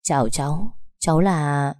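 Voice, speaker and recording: A woman voicing a quiet, humble older father who talks in a grateful, deferential way. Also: low-pitched, measured pace, dry recording, studio quality.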